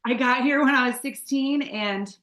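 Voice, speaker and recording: Recorded in an echoey room, a Midwestern woman in her forties recounts her life story to an interviewer. She talks at a moderate pace in a high, fairly bright voice. Her manner is candid and chatty, with lots of fillers and restarts.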